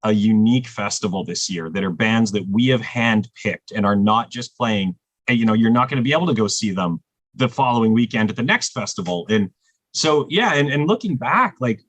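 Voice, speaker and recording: A man who programs a music festival, chatting on a podcast and telling excited stories with animated quoted dialogue. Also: fairly low pitch, a little fast, no room sound. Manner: excited storyteller, lively acted-out quotes. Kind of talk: casual podcast conversation.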